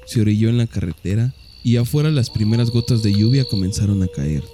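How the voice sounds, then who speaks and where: A man narrating a first-person story with a low, very dark, mellow voice. He reads slowly and evenly, in a measured storytelling manner. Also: slight background noise.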